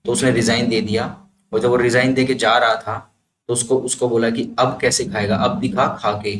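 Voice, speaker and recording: A man's voice: mid-range voice, little pitch movement, moderate pace. Male teacher explaining words in an echoey room. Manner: explains step by step, often adds "ठीक है" to check understanding. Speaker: vocabulary teacher. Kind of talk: explanatory lesson with mnemonics. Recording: echoey room, faint ambient noise.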